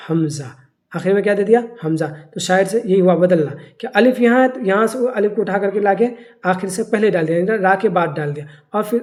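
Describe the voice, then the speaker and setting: A teacher giving a grammar lesson, asking questions aloud and answering them, and repeating key words slowly. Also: mid-range voice, darkish tone. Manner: asks the class questions and answers them himself.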